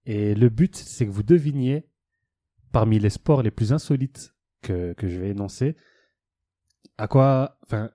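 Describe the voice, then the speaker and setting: A man's voice: fairly low pitch, measured pace, long pauses, dark tone, no echo, studio quality. A young man co-hosting a casual podcast, joking around as he runs a quiz game and reads out its questions.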